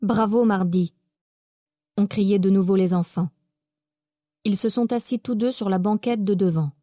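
A woman reading a classic novel aloud in calm, even first-person narration. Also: mid-range voice, moderate pace, dry recording, studio quality.

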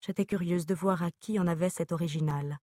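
A woman reading an epistolary novel aloud, letter by letter, in a measured, even way. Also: lowish voice, no room sound, clean studio sound. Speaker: audiobook reader.

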